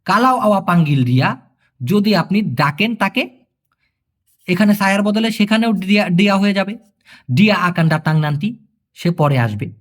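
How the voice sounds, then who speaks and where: A man teaching a spoken language lesson, repeating each phrase slowly and then translating it word by word. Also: high-pitched. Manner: lively, sing-song delivery.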